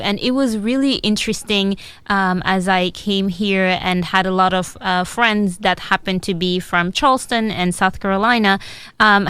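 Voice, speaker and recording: A woman's voice: mid-range voice, fairly bright tone, clean tone, dry recording. Senegalese-born woman, french first language, talks about food with lots of ums, dry close sound. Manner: hesitant, many fillers. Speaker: guest, food and product developer. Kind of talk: interview answers.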